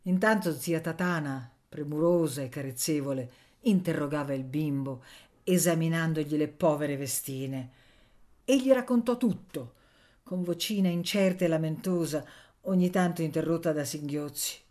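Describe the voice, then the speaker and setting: A woman reads a literary novel aloud, narrating steadily and expressively. Her voice sits a little low for a woman. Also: normal speed, darkish tone. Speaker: audiobook reader.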